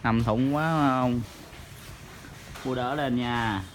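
A man's voice: medium pitch, fairly even intonation, drawn-out words, slight background noise. A father, chatting playfully to his baby at home and teasing with many short questions.

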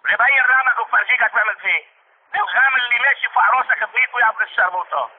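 A man's voice: extremely high pitch, racing, husky. A man with a Lebanese accent putting on a hot-tempered, foul-mouthed man in a prank phone call, repeating himself and hurling insults. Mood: raging. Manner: repetitive, insistent, hurling insults. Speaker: prank caller. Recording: tinny phone line.

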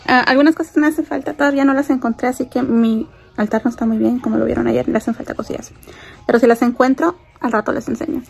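Gravelly bilingual woman vlogger. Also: fairly high pitch, fairly even intonation, quick pace. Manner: switches between Spanish and English mid-sentence; chatty, talks straight to viewers. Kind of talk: casual vlog chat.

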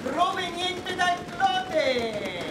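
Slow theatrical male lineup announcer, noisy room. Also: extremely high pitch, sing-song. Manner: theatrical, builds up each name. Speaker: team staff member announcing the starting lineup. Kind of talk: drawn-out arena-style lineup announcement. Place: crowded team locker room. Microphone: distant camera mic, hockey stick held as pretend mic. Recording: echoey, distant, loud crowd noise.

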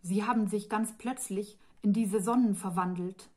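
A woman's voice: mid-range voice, fairly even intonation, moderate pace, darkish tone, close to an everyday voice. Neljina, a cool female dragon, read by a woman. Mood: matter-of-fact. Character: proud female dragon, calm and unbothered. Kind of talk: audiobook reading of a fantasy novel.

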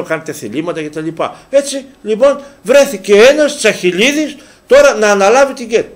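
A man hosting a local television sports talk show, ranting animatedly in casual commentary and firing rhetorical questions at his viewers. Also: sits high. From Greece. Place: local TV studio.

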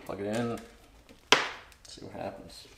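A man's voice: fairly low pitch, fairly even intonation, unhurried, vocal fry. A man in his forties hosting a casual tool review vlog, thinking aloud with many fillers, recorded in his home garage workshop on a camera mic. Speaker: woodworking channel host. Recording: echoey garage with loud background noise.

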